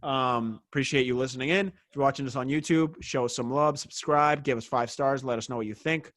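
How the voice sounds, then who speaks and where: A man's voice: medium pitch, fairly quick, fairly bright tone, no room sound. Young male sports-podcast co-host, laid-back, cursing casually, close dry mic. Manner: laid-back, swears casually, wraps up the show.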